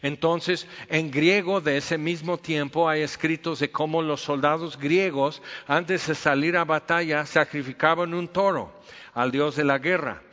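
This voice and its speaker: A man's voice: fairly high pitch, fairly even intonation, unhurried. A man preaching a sermon in a conversational teaching manner. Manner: conversational teaching, drops softer for quoted asides. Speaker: pastor. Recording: dull echoey hall.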